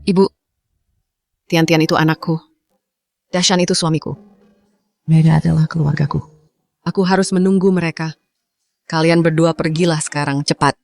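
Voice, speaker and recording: A woman's voice: sits low, steady tone, moderate pace, creaky, long pauses, darkish tone. A frantic loving mother. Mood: insistent. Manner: urgent, pleading. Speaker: mother character. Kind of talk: dubbed drama acting.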